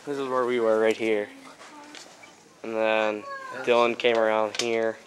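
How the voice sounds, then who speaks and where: A teenage boy chatting excitedly while filming a vlog on a handheld camera, outdoors and in a store. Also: on the low side. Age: teens. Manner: excitable, quick exclamations. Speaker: vlogger. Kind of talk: casual vlog chat. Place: outdoor parking lot and big toy store. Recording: noisy handheld camera audio.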